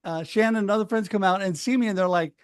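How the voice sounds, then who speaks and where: A middle-aged man from Oregon, telling a personal story in a casual, animated way on a video call and acting out what other people said. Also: sits high, fast talker, clear, resonant tone, no room sound, studio quality. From Oregon, United States. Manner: animated, acts out other people's words, laughs often. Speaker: speaker sharing his story.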